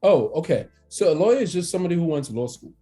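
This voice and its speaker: This is a Cameroonian man in his thirties, an immigration attorney appearing as a guest on a podcast for a conversational interview. His slightly high voice races along in a relaxed but hesitant way, full of fillers and restarts, with faint music in the background.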